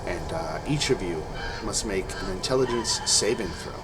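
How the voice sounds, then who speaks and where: A man's voice: fairly low pitch, animated, normal speed, poor audio. A man running an online tabletop game as game master, narrating scenes and explaining rules. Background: music.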